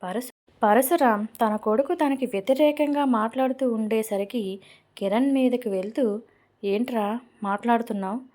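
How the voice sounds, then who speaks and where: A woman narrating a romantic audio novel in a steady storytelling manner. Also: a little high, normal speed.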